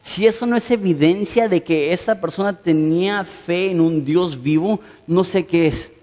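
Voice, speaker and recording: A man's voice: high-pitched, normal speed, a little mellow. A man preaching a sermon in an earnest way, asking his listeners direct questions. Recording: long hall reverb.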